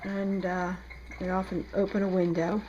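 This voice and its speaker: A woman's voice: lowish voice, flat delivery, normal speed, muffled recording, background noise. A woman with a South Jersey accent, chatting casually through a home tutorial as a soap maker in her kitchen, with frequent ums. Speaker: soap maker demonstrating a recipe. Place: home kitchen, second floor.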